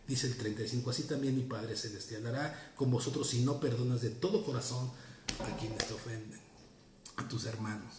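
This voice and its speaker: A man's voice: mid-range voice, moderate pace, echoey room, background noise. A man preaching a sermon in an earnest, teaching tone, repeating key phrases for emphasis. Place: church.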